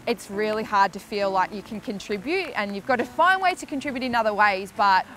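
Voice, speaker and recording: A woman's voice: mid-range voice, expressive, brisk, a bit bright, a little hiss or hum. A young woman, a netball player, speaking candidly and emotionally in a documentary interview, often trailing off into fillers.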